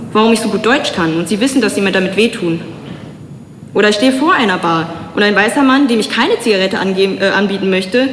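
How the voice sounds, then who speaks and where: A young woman from Germany giving a public talk, telling personal stories in an earnest, measured way with slow, emphatic pauses. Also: medium pitch, slight background noise. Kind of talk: personal spoken-word speech. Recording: echoey hall with long reverb.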